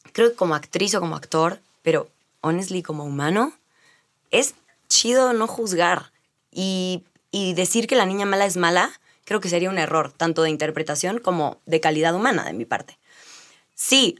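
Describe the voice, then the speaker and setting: A woman, an actress talking casually in an interview, animated and quick to laugh. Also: lowish voice. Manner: animated, laughs often, slips into playful accents.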